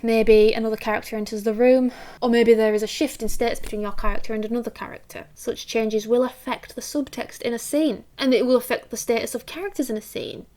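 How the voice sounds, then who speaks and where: Chatty woman teaching acting, higher voice. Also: a little mellow. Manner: chatty, acts out quoted lines, uses filler 'like'. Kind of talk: casual spoken acting lesson.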